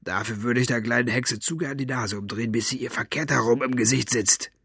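A man's voice: medium pitch, fairly even intonation, a little fast, gravelly, a bit bright, slightly rough, no echo, studio quality. A man voicing a hulking, brutish male giant who growls his words. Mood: grumbling.

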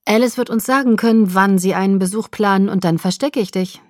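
A woman reading the lines of a confident young male vampire, calmly explaining a plan in a dry, close recording. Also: mid-range voice, a little fast, no room sound, natural voice.

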